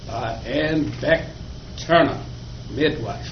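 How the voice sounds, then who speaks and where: An older Virginia man, interviewed for an oral history, slowly reminisces with folksy, chuckling stories of his childhood. His voice is mid-range and he takes his time. The recording is dull and lo-fi, with room echo and faint noise.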